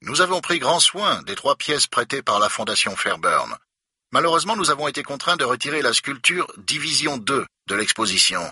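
A man's voice: mid-range voice, sing-song, a little fast, pushed and bright, breathy edge, no room sound, studio quality, voice pushed up, heavily acted. A man voicing a curt, irritated male museum director on the phone, speaking in a clipped, pinched way.

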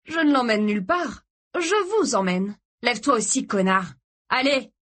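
A woman voicing a volatile, jealous young man who shouts and snarls vulgar threats. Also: medium pitch, unhurried, breathy edge. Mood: furious shouting.

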